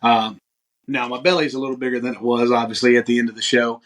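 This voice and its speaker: A man, a podcast guest, telling his story in casual interview talk, lively and acting out what others said. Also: medium pitch, quick pace. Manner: lively storyteller, acts out quoted dialogue.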